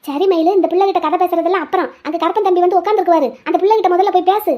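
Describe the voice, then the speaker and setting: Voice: very high-pitched, fairly even intonation, very fast, muffled recording. A voice actor playing a stern older neighbour woman in a cartoon, who lectures and scolds. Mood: urging. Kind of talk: cartoon voice acting.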